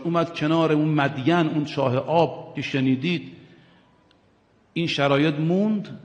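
A man preaching an impassioned sermon, swinging between hushed and loud and questioning his listeners directly. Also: medium pitch. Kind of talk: religious sermon. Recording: long hall reverb.

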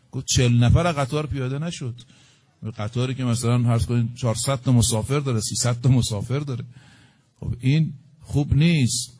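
A middle-aged man delivers a religious sermon at an unhurried, conversational pitch. He tells a story and voices its characters' lines with emphatic rises and drops. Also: a little mellow. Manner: storytelling, acting out dialogue with rising emphasis. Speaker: preacher.

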